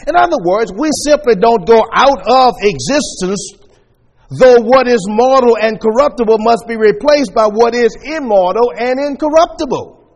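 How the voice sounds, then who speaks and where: Very high-voiced preacher at a pulpit mic. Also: male voice, in a large hall. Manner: measured teaching, walks listeners through scripture verses. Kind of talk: sermon.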